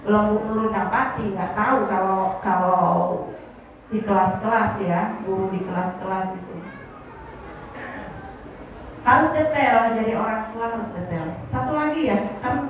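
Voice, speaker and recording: High-voiced woman giving a lively parenting talk. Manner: lively, laughing, acts out dialogue. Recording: echoey hall, distant mic, dull and noisy.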